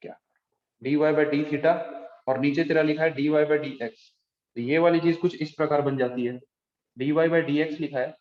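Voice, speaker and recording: A math teacher's voice sits on the high side, with fairly even intonation and a moderate pace, as he lectures a class on calculus. He goes through the material step by step, often checking that students understand. The audio is dull and lo-fi, captured in an echoey room.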